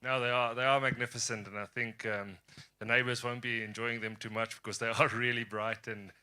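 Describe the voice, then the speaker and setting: A man speaking in a live interview about his team, talking in a measured, upbeat way. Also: mid-range voice, level tone, pushed and bright, smooth.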